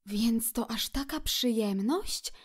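A woman doing a high, eager little mole. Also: animated, a little slow, a little mellow. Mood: shy. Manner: eager, breathless with wonder. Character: excitable timid young male mole. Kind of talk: audiobook character voice.

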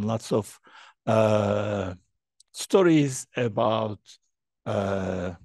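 Halting man giving a keynote. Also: fairly low pitch, warm tone, husky, no room sound. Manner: hesitant, many fillers and repeated words. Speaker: keynote speaker. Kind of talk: conference keynote presentation. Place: indoor room, presenting remotely. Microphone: video call webcam.

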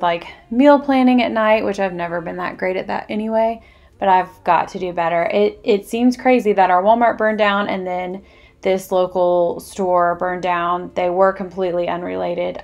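A woman's voice: lowish voice, gravelly, darkish tone. Chatty woman talking over footage. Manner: chatty, earnest, rambling asides. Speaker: vlogger. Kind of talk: casual voice-over chat.

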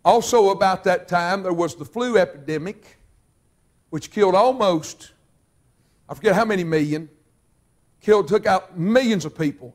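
A man preaching a revival sermon, fervent and drawn out, sometimes shouting. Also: high voice. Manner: fervent, shouting at peaks, drawn-out emphatic phrases. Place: church sanctuary.

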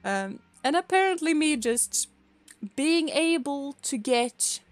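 Her high-pitched voice has lively intonation and a slow pace as she, a young Swedish woman with a light accent, chats casually with her stream while playing a game. She's a streamer and a teacher, laughing often and restarting her words. There's no room sound, just faint music behind her.

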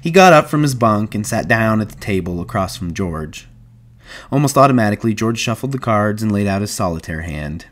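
A man narrating a novel aloud in a measured, even storytelling manner. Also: fairly low pitch. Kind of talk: audiobook reading.

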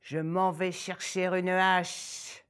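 A woman's voice: on the low side, level tone, very slow, fairly bright tone, smooth. A woman playing a one-eyed storybook ogress. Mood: menacing. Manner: sweetly coaxing turning menacing. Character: sly, greedy one-eyed female ogress.

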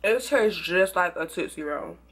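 Chatty woman vlogger, low-pitched voice. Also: measured pace, slightly rough. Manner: chatty and excitable, talks with food in her mouth. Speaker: beauty and product vlogger. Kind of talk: casual product review vlog.

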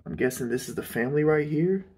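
With a fairly high pitch yet a darkish, slightly rough tone, a fast-talking urban explorer chats excitedly as he walks through an empty old house. He narrates casually like a tour guide, recorded on a handheld camera mic.

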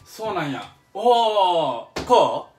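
This time his voice sits high with a darkish tone, sing-song and full of drawn-out words. The middle-aged man, speaking with a Kansai Japanese accent, eagerly explains music from his home kitchen on a phone or webcam live stream, humming examples and reading out viewer comments.

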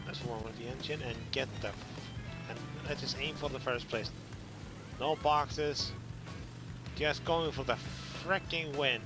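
A man's voice: mid-range voice, steady tone, a little slow, pauses often. A man casually commentating a video game he is playing, frustrated and salty, muttering mild curses. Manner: frustrated, salty, mildly cursing. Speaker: gaming channel host. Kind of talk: casual let's play commentary. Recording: voice over loud game music.

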